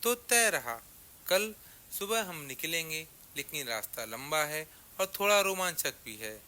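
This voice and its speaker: A man's voice: fairly high pitch, unhurried, voice pushed up, exaggerated voice. A man doing a chatty, cheeky parrot. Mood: excited. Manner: lively and teasing. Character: chatty, cheerful male parrot.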